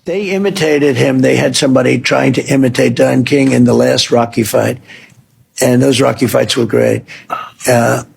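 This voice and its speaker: A man's voice: medium pitch, vocal fry, a little hiss or hum. A man telling a rambling story as a guest in a casual interview.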